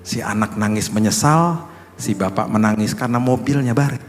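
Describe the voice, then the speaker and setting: A male pastor telling a sermon story with lively sound effects and acted asides. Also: mid-range voice, normal speed. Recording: echoey hall with faint music.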